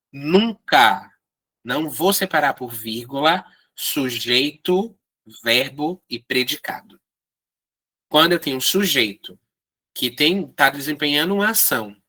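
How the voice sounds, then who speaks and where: A man's voice: mid-range voice, sharp tone, breathy edge. A man teaching an online writing workshop, explaining step by step and often checking in with his students. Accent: Brazilian Portuguese.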